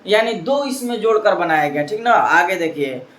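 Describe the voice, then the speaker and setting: A man's voice: high voice, animated, normal speed, a bit bright. A male teacher running a classroom quiz lesson, repeating the students' answers back to them and drilling each point with patient prompts. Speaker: Urdu grammar teacher. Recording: roomy classroom echo, faint background noise.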